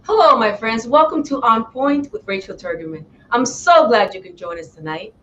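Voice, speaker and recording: A woman's voice: on the high side, lively intonation, normal speed, a bit bright, highs cut off, slight background noise. A woman hosting a talk show interview, effusive and full of praise, often addressing her audience as friends. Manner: effusive, repeats "my friends" and "wow".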